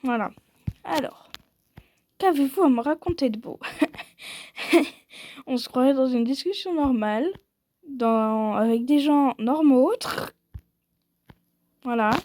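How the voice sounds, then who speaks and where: A woman's voice: high voice, takes it slowly, pauses often, dark tone, slight background noise. A woman giving casual commentary while playing a mobile game, rambling playfully and poking fun at herself. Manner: playful, rambling and self-mocking.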